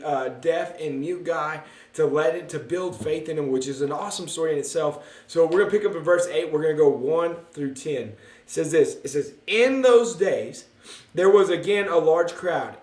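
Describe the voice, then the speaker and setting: A man's voice: on the high side, darkish tone. Casual man teaching Bible study. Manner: joking, conversational, reads scripture aloud. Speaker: pastor leading Bible study. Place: church room. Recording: echoey room from a distance.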